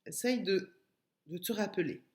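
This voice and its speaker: A French woman teaching young children in a recorded lesson, speaking gently and stretching out syllables. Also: medium pitch, expressive. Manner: slow, gentle, drawn-out syllables for small children. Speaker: preschool teacher. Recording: echoey room.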